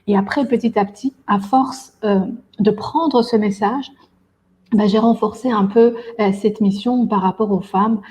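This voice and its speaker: A woman's voice: medium pitch, steady tone, measured pace, a little mellow, rough recording. A woman, a guest on a podcast, talking at length with frequent hesitations and fillers. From Belgium. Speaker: guest, event organizer. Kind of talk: podcast interview.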